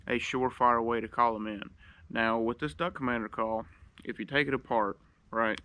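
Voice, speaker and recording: A man's voice: mid-range voice, creaky, sharp tone. A man giving a casual, plain-spoken how-to tutorial, showing each step and repeating the key points. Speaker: duck call instructor.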